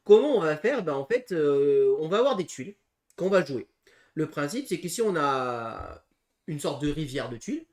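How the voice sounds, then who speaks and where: A man co-hosting a casual board game preview, talking through game rules with frequent pauses and restarts. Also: on the high side, big pitch swings, darkish tone. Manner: hesitant, full of pauses and restarts while explaining rules. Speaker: board game channel co-host.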